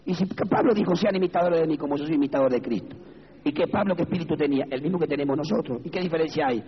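A man with an Argentine Spanish accent preaching a lively, folksy sermon in a church hall, breaking into high shouted bursts. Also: very fast. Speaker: evangelical preacher. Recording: dull echoey hall recording.

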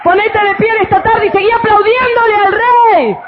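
A woman pastor with a Rioplatense Spanish accent preaches with fervor, her voice sitting high. She bursts into shouted praise, then drops to a quiet, close tone of counsel. The recording sounds a little dull and muffled. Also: steady tone, moderate pace, heavy background noise. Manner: swings between shouted exclamations and quiet, intimate counsel. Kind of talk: fervent sermon preaching.

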